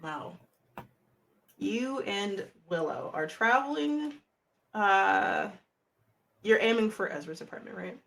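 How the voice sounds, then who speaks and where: A woman's voice: medium pitch, sing-song, takes it slowly, gravelly, pauses often, a bit bright, far from the mic. Woman running a tabletop game, chatty, keeps cracking up. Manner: laughing often, loose and chatty. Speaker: game master.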